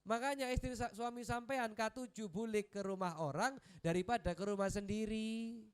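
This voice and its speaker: A preacher delivers a sermon in a high, smooth, clear voice. He tells stories, voices the characters in them, and keeps turning to speak straight to the crowd. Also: moderate pace. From Indonesia. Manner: lively storytelling, voicing characters, addressing the crowd directly. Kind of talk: religious sermon.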